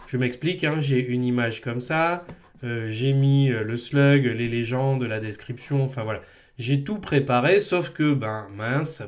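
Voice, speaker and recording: A man from France walks viewers through a software tutorial in a relaxed, chatty way. His voice sits at a mid pitch, and he keeps adding filler words and light, self-mocking asides as he clicks through each step. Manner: chatty and informal, many fillers, jokes about own accent. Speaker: WordPress trainer. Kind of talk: screen-recorded software tutorial.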